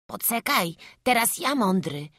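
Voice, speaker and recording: A woman's voice: medium pitch, very animated, unhurried, a bit bright, breathy edge, dry recording, clean studio sound, voice pushed up, heavily acted. A woman voicing a small homesick peasant boy who talks with a childish dialect lisp. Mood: defiant.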